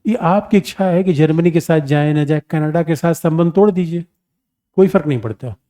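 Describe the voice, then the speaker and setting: A man's voice: on the high side, a little fast, warm tone. A man teaching an exam-prep lecture on international relations, speaking casually and animatedly, calling his students "my children" and asking them rhetorical questions.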